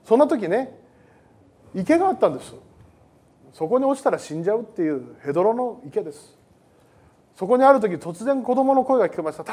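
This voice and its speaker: A male pastor preaching a sermon to a congregation in a lively, joking way that often wanders off topic. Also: high-pitched, husky. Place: church service with a congregation.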